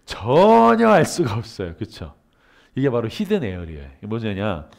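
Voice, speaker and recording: A man's voice: on the low side, normal speed, gravelly. A man giving a humanities lecture, asking questions and then answering them himself, and acting out everyday dialogues. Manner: acts out everyday dialogue in lively voices.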